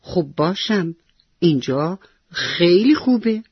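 A woman's voice: lowish voice, animated, breathy edge, no room sound, muffled recording. A woman voicing a tiny lazy seed that whines it is comfortable in the soil and refuses to get up. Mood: reluctant. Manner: whiny, complacent, reluctant. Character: tiny lazy comfy seed, stubborn, childlike.

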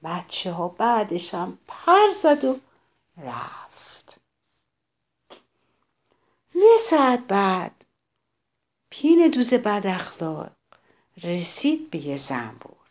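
A woman narrating a children's story, slow and sing-song, speaking directly to the children listening. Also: mid-range voice, sing-song.

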